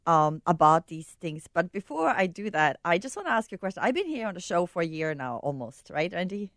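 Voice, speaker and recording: A woman from Bosnia with a Bosnian accent, a realtor and regular guest, slightly hoarse and bubbly. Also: lowish voice, very animated, brisk, fairly bright tone, dry recording, studio quality. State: a little hoarse.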